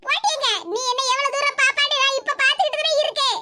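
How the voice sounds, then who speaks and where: A woman doing a squeaky grumbling old cartoon mother. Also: steady tone, quick pace. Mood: scolding. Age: older. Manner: scolding, self-pitying and sarcastic. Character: grumbling old village mother, bitter and sarcastic. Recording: loud background noise.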